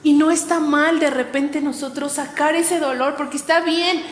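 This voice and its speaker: A high-pitched woman gives an earnest youth sermon in a loose, conversational way. Her voice rings through a reverberant church hall. Faint room ambience sits under her words. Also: steady tone, moderate pace, slight background noise. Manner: earnest, conversational, many fillers. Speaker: youth preacher.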